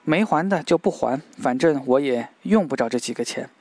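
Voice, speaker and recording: A man's voice: medium pitch, animated, normal speed, a little mellow, no echo, close to an everyday voice. A man reading the lines of an earnest young male geologist who pleads with worry. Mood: pleading.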